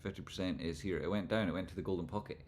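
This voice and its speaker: Speaking very fast in a low register, a broad-accented Scottish livestream host and trading analyst riffs on charts and chats casually with his viewers. His talk is informal and loose, not always cleanly enunciated, and there's slight background noise.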